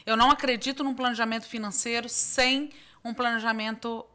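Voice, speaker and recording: Brazilian woman, economist host; affirming interjector, somewhat high, bright tone. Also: fairly even intonation, a little fast. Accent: Brazilian Portuguese. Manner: affirming, chimes in often with agreement. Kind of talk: conversational interview.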